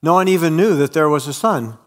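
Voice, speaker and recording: A male pastor narrating a parable during a sermon in a slow, expressive storytelling manner. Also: fairly high pitch, big-room sound.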